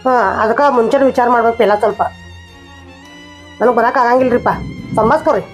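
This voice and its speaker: In a village comedy skit, a woman with a North Karnataka Kannada accent plays an angry wife who has left her husband, arguing and scolding. Her voice is on the high side, fairly even in intonation, and a little fast, sounding natural against faint background music.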